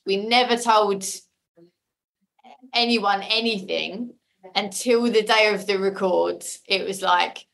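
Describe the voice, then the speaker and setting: Gravelly and a bit bright, this woman's mid-range voice takes things slowly with fairly even intonation. She's an audio drama creator and casting lead being interviewed, sharing stories warmly and effusively while repeating phrases to stress them.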